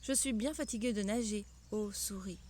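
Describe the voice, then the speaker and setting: Polite curious little girl from a storybook read by a grandma, soft coaxing tone. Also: mid-range voice, moderate pace, slight background noise, natural voice. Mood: wondering. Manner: gentle, coaxing.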